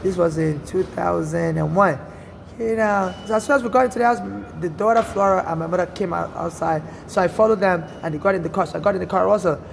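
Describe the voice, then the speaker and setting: Against slight background noise, a man with a high, gravelly voice talks at a quick pace, recounting a personal experience in a casual first-person monologue. He is Nigerian, from Nigeria, with a Nigerian accent, and tells his story earnestly and ramblingly, repeatedly restarting and dropping in "you know."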